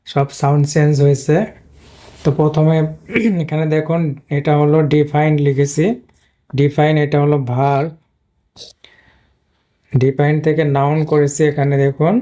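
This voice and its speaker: A man's voice: fairly high pitch, little pitch movement, normal speed, long pauses, warm tone. A man teaching English pronunciation in a screen-based video lesson, explaining patiently and repeating himself often. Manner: patient, repetitive explaining with frequent "but" fillers.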